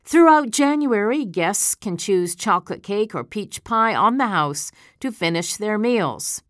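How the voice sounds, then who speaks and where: A woman's voice: medium pitch, lively intonation, measured pace, a bit bright, no echo, studio quality. A woman reading a scripted advertisement in an upbeat, inviting way. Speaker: advertisement reader in a test recording.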